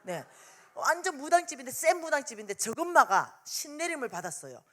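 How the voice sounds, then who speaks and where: Preaching at a revival meeting, a woman with a Gyeongsang Korean accent tells a story and animatedly acts out its dialogue. Her voice is high-pitched and brisk.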